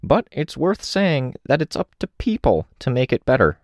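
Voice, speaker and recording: A man's voice: mid-range voice, big pitch swings, moderate pace, a little mellow, no echo, clean studio sound, voice pushed up. A man voicing an earnest, chatty old woman on a train who rambles and confides.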